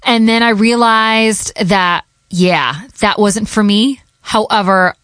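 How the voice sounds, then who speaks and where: A Connecticut radio host in her thirties, whose first language is Portuguese, chats loosely with listeners and answers their questions, laughing between thoughts. Her mid-range voice is slow, smooth and fairly bright, captured in a dry, clean studio recording.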